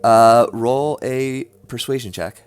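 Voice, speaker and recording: A man's voice: mid-range voice, slow, clear, resonant tone. A man running a tabletop game as game master, narrating casually in a hesitant, easygoing way.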